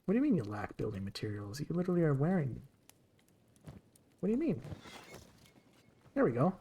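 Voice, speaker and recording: A man's voice: a little high, wildly swooping pitch, brisk, dark tone, muffled recording, a little hiss or hum. A man streaming a game with casual commentary, chatting to his characters as he plays.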